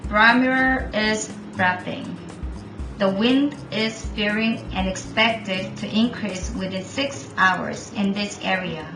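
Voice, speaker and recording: A woman with a mid-range voice plays a port control operator in a scripted maritime radio role-play, speaking slowly. She uses clipped, formal radio procedure on the marine call. The room is echoey, with music running underneath.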